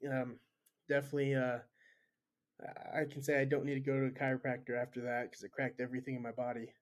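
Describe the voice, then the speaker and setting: A man who is a podcast guest, telling stories in casual chat in an animated way and laughing easily. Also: medium pitch, quick pace.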